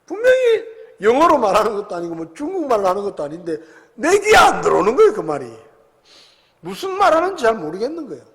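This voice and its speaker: A man preaching a sermon as pastor in a church sanctuary, talking conversationally, with big swings between loud and soft. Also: high-pitched, wildly swooping pitch, quick pace, breathy edge. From South Korea. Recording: long hall reverb.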